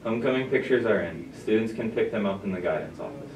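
A man with a very low voice reads school announcements in a steady, plain manner. He is heard through a loudspeaker that sounds far off, with a roomy echo around the words. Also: quick pace, a little hiss or hum. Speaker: student announcer. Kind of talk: reading morning school announcements.

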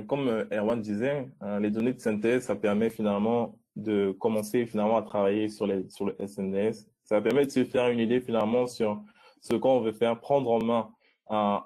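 A low, dark-toned male voice belongs to a co-presenter answering questions at an online meetup held over video call. He explains things informally and somewhat hesitantly, often repeating himself.

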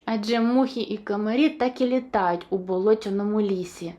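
Жінка грає боязкого динозаврика Расмуса. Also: female voice, mid-range voice, fairly even intonation, normal speed, dark tone, close to an everyday voice. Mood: worried. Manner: worried, hesitant. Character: timid cautious little boy dinosaur.

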